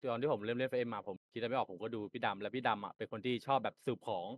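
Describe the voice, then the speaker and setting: A man's voice: medium pitch, steady tone, very fast, slight background noise. A young adult man answering interview questions in a rambling way, full of fillers and restarts. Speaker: applicant being interviewed.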